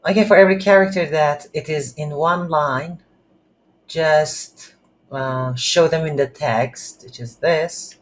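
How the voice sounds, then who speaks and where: A game development tutorial instructor narrates an unscripted coding lesson slowly and haltingly, thinking aloud as he types. The voice sits at a medium pitch. Keyboard clatter and general noise fill the room.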